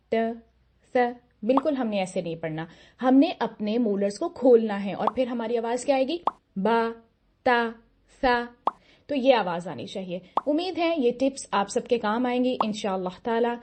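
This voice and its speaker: Woman teaching tajweed, stretches syllables out slow, kinda high voice, bit of hiss behind. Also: darkish tone. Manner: slow, drawn-out syllable demonstrations; firm corrections. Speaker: Quran recitation teacher. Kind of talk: instructional tajweed lesson.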